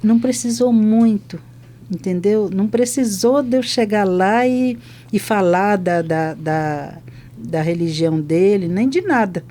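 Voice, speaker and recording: Older woman, chaplain; warm, mellow voice; lively storyteller who acts out the dialogue. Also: mid-range voice, measured pace, a little hiss or hum. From Brazil. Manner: lively retelling that acts out both sides of conversations. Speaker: hospital chaplain. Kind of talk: podcast testimony storytelling.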